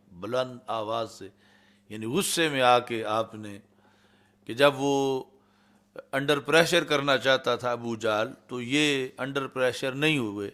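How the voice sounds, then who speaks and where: Male Islamic scholar with a Pakistani Urdu accent and a mid-range voice, giving a hadith lecture, measured Arabic recitation followed by Urdu explanation. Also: medium pitch, fairly bright tone.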